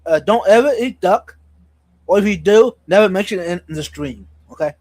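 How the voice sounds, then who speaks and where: High-voiced man, slightly sore-tongued speech. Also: animated, a little fast, darkish tone, no room sound. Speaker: live stream co-host. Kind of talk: casual live stream chat.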